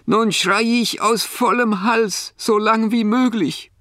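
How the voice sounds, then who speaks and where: A man voicing a frantic rooster in a children's storybook, with a shrill, strained delivery. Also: steady tone, takes it slowly, a bit bright, no echo, studio quality. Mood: desperate. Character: frantic rooster facing the soup pot.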